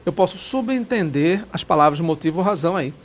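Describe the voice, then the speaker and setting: A man's voice: fairly high pitch, animated, brisk. A Brazilian man teaching Portuguese grammar in an exam-prep video lesson, chatty, repeating examples and checking that students follow.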